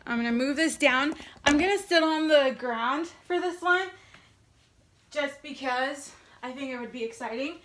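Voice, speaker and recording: A woman's voice: sits high, moderate pace, a bit bright, reverberant, a little hiss or hum. A woman chatting casually to camera at home, bubbly and a bit out of breath, with lots of fillers. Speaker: YouTube vlogger. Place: home, indoors.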